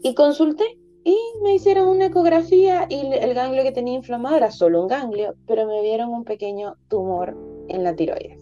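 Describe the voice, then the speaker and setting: A woman's voice: on the high side, a little fast, few pauses, dark tone, lo-fi sound, soft background music. A young woman, a physician, telling her personal story candidly and emotionally in a podcast interview, with many hesitations. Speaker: guest, physician.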